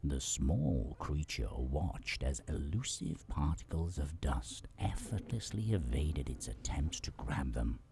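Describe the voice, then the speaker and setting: A man with a very deep, gravelly voice reading storybook narration for a video game. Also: animated, slow, few pauses.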